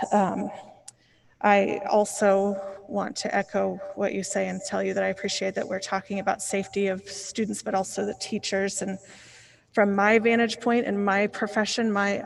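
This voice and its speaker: Female board member with vocal fry and little pitch movement, speaking at a meeting. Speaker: healthcare professional. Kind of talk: giving remarks at a board meeting.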